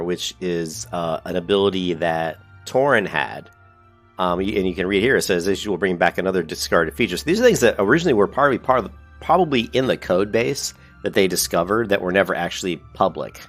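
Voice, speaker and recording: Hosting a casual gaming video, a low-voiced man with a cold sounds congested as he reads features off a website. He rambles, corrects himself, and stays upbeat throughout.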